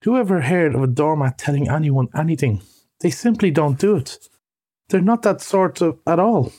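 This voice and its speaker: A man reading a storybook voices a fussy, stubborn male mole who speaks in a prim, slow, indignant way. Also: a little high, warm tone, natural voice. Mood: pettish. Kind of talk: audiobook reading.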